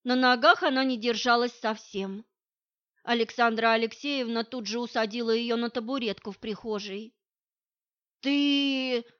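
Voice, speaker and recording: A woman's voice: fairly high pitch, fairly even intonation, moderate pace, fairly bright tone. Woman reading a novel aloud. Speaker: audiobook narrator. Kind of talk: first-person novel reading. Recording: dull lo-fi recording.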